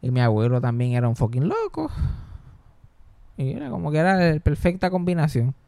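A man, a comedian on a podcast telling funny family stories in a casual, animated way. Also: a little high, a little fast, vocal fry, dry recording. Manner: animated, switching into voices, mixing in English. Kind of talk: casual chat, comic storytelling.

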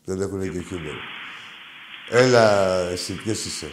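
A man hosting a call-in show, joking crudely with callers, swinging between loud mocking outbursts and low mutters. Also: a little hiss or hum. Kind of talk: crude casual call-in banter.

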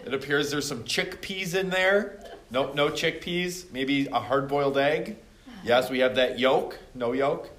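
Middle-aged male teacher hosting a class review, playful and teasing, mid-pitched, recorded in an echoey classroom. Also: unhurried, fairly bright tone. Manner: joking, quizzing students by name. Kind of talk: casual classroom review chat. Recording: echoey classroom with faint noise.

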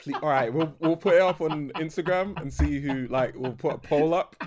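A man's voice: fairly high pitch, moderate pace, crowd noise. A young man hosting a podcast, chatting casually, rambling and correcting himself, laughing often. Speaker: podcast host. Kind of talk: casual chat.

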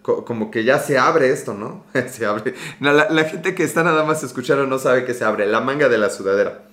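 A livestream host with a Mexican accent talks fairly quickly in a mid-range, somewhat bright voice, sounding slightly hoarse from a sore throat. The stream is casual and the room echoey. He greets viewers by name, jokes around, and goes off on tangents in a chatty way.

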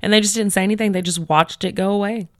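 A woman hosting a podcast, retelling a case in a chatty, animated way with many fillers. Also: medium pitch, fast talker, dry recording, clean studio sound. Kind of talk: casual storytelling chat.

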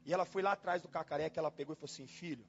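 A pastor preaching in a church, telling a personal story in a dramatic way, exclaiming and repeating himself. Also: male voice, fairly high pitch, racing, creaky. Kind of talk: storytelling sermon. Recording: dull lo-fi sound with faint music.

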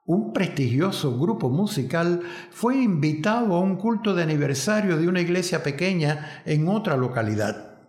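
Pastor, lively roomy sermon. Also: male voice, on the high side. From Cuba. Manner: measured, reflective storytelling. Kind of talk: radio devotional sermon.

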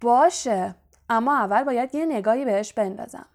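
A woman's voice: a little high, darkish tone, close to an everyday voice. A woman voicing a spiteful schoolboy bully who talks in a mocking, sneering way.

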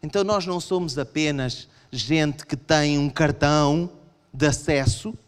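A man with a European Portuguese accent preaching a sermon to a congregation, animated and acting out his listeners' objections. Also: measured pace, clean tone. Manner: animated, acts out voices of the congregation in raised pitch. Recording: long hall reverb.

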